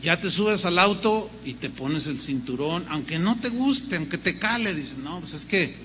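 An older male pastor preaches with a high, bright, ringing voice. He tells stories and acts out both sides of conversations, then builds rhythmic lists of words. The sound carries a long reverb from a church hall. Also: animated, a little slow, a little hiss or hum. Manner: storytelling preacher acting out quoted dialogue, rhythmic lists. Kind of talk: sermon.

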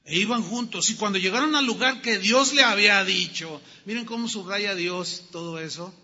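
A man's voice: high voice, moderate pace, bright, forceful tone. A man preaching a sermon who retells Bible stories and emphatically repeats his key words. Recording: reverberant hall, dull lo-fi sound.

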